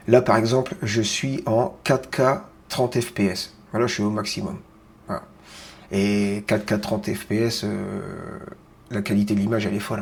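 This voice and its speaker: A man hosting a casual home product demo of a webcam, chatty and excited, with lots of fillers and restarts. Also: fairly low pitch, creaky. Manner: enthusiastic, keeps repeating how great it is. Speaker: tech video host. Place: small room at home with grow tents.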